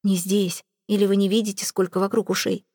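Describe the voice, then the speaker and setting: A cool, reserved young nobleman in uniform, read by a woman in an audiobook. He speaks in short, measured, cold sentences at a middling pitch, and the recording is dry and close. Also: little pitch movement, warm tone, no room sound, natural voice. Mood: confiding. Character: cool, reserved young male aristocrat officer. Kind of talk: audiobook character reading.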